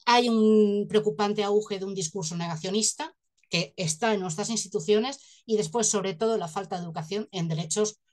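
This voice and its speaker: A woman's voice: medium pitch, moderate pace, darkish tone. A young adult woman from Spain, finishing a formal seminar presentation over a video call, polite, with hesitant restarts. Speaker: seminar speaker. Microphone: laptop webcam on a video call.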